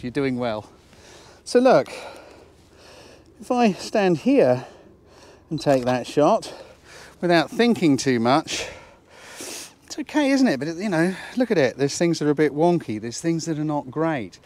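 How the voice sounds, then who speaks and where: British man with a squeaky, cold-affected high voice. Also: darkish tone. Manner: chatty, jokey, asks rhetorical questions. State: has a cold. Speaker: photography instructor and presenter. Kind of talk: casual instructional talk to camera. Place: outdoors at a waterside harbour slipway.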